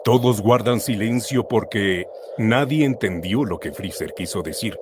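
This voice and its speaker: A man with a voice on the low side speaks a little slowly, with background noise audible. A storyteller and streamer, he narrates a cartoon episode in storyteller fashion and throws in comic asides.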